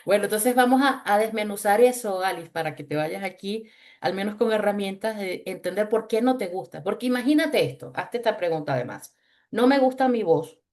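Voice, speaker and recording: Woman, low chest voice, lively teasing delivery, webinar over a video call. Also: fairly quick. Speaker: voice coach leading a webinar. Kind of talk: webinar talk with exercises.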